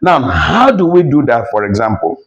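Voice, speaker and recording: Guy teaching at a whiteboard, lively up-and-down voice, drills words over and over. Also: medium pitch, rough recording. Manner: repeats words slowly for drilling, animated. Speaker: language teacher. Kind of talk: whiteboard language lesson.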